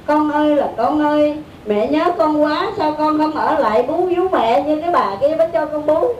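A woman with a Southern Vietnamese accent voicing a grieving elderly mother who laments her dead child in a slow, mournful way. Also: lo-fi sound, natural voice. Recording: echoey room, distant mic, faint rumble.

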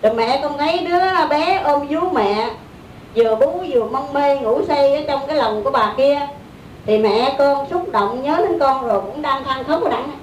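A woman with a Southern Vietnamese accent preaching a Buddhist story in a conversational way, often saying "đó" and "á". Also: normal speed. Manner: conversational, with fillers like "đó" and "á". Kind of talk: sermon storytelling. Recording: echoey room, distant mic, faint rumble.

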